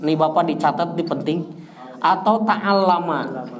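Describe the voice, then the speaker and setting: A man's voice: fairly high pitch, unhurried. A man teaching an Arabic lesson, patiently drilling vocabulary in a sing-song tune and chuckling as he corrects. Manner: jokes and chuckles while correcting. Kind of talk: classroom lesson.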